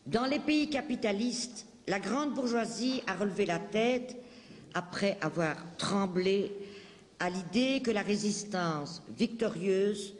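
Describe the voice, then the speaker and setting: High-pitched man declaiming in a reverberant hall. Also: expressive. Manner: declamatory, emphatic, with deliberate dramatic phrasing. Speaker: political speaker. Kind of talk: impassioned political speech.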